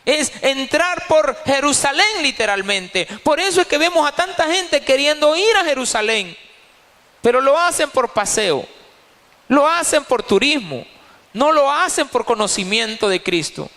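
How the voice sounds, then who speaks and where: Pastor guy preaching, sharp bright voice, echoey church hall, keeps repeating his key lines. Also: extremely high pitch, very animated, measured pace. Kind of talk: sermon at a Bible study.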